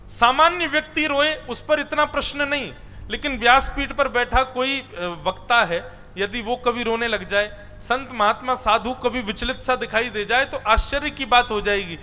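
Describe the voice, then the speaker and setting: High, bright-voiced man preaching a devotional sermon. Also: normal speed, in a large hall. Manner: expressive, rising and falling for emphasis, addresses listeners as brothers. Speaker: kathavachak preacher. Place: stage at a religious discourse.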